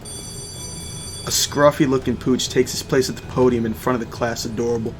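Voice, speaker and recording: A man's voice: medium pitch, fairly even intonation, moderate pace, background noise. A man streaming a game playthrough, casually joking and reading the on-screen narration aloud in a playful way.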